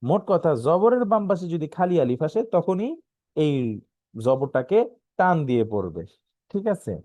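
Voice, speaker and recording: A man with a Bangladeshi Bengali accent, teaching an online Quran reading class, spelling out letters slowly and often checking in with "right?". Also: a little high, very animated, warm tone, no room sound. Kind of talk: online lesson.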